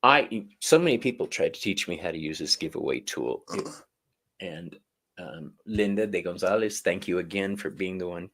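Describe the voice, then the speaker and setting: A man's voice: low voice, animated, normal speed, a bit bright. A man co-hosting a live-stream tarot reading in a casual, chatty way, swearing freely. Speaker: tarot reader, stream co-host.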